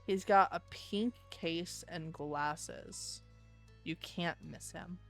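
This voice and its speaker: Worried middle-aged dad, hesitant, apologetic, lowish voice, visual novel, woman reading him out. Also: extremely slow, creaky, fairly bright tone, soft background music, heavily acted. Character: worried, polite middle-aged father looking for his son.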